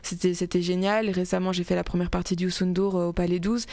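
A woman's voice: on the low side, level tone, fast, warm tone, no room sound. A woman, a musician guest in a casual radio interview, who talks in long searching stretches full of restarts and fillers. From Belgium. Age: 20s.

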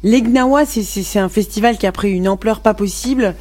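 A woman's voice: mid-range voice, fairly quick, darkish tone. Outspoken woman musician. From Morocco. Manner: outspoken, frank, many restarts and fillers. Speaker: musician guest. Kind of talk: radio interview.

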